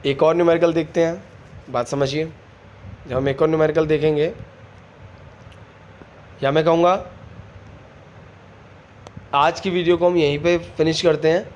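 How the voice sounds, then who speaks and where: A man's voice: a little high, darkish tone, lo-fi sound, a little hiss or hum. Man teaching physics, checking in often. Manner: asks students quick check questions, calls them beta; mixes Hindi and English. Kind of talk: online physics lesson.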